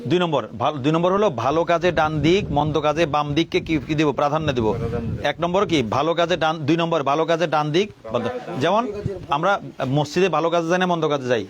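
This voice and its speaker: A man's voice: a little high, brisk. A male religious teacher giving a classroom lesson in Bangladeshi Bengali, repeating questions and drilling his pupils to answer back. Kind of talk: classroom lesson with call and response. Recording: noisy room with crowd of children.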